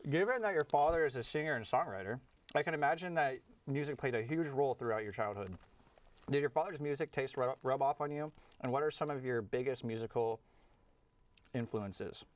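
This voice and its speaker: A man's voice: mid-range voice, brisk. Joking young man hosting, slightly distant. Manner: jokey, mock-serious questioning. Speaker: host. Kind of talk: casual interview over candy tasting. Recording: slightly distant mic, faint noise.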